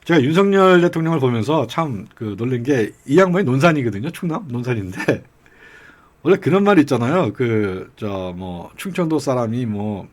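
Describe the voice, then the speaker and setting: A man's voice: mid-range voice, sing-song, moderate pace. A middle-aged man giving casual political commentary, telling rambling anecdotes with chuckles along the way. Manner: acts out regional dialect quotes.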